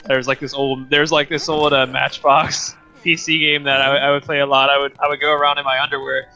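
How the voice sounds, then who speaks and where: Young dude chatting on a gaming podcast, keeps laughing, super bright voice, quiet game music behind. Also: male voice, medium pitch, little pitch movement, brisk, rough recording. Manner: laughs often, rambling and upbeat. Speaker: podcast co-host. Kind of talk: casual gaming podcast chat.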